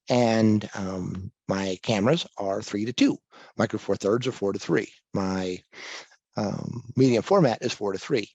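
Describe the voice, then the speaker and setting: A man from Kansas giving a relaxed slide talk to a live audience on a microphone that pops, thinking aloud with small restarts. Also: lowish voice, slightly rough, no room sound. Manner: easygoing and self-deprecating, thinking aloud with restarts. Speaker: guest presenter at a photography talk. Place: library meeting room. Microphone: handheld or stand microphone with popping plosives.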